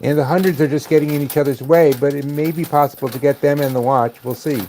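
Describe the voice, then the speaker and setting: An older man hosts a relaxed live stream, tossing out dry, wisecracking remarks to his viewers. His voice sits fairly high for a man. Faint clicks and clattering coins from a game machine are heard behind him. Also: fast talker, a little hiss or hum. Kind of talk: casual live-stream chat.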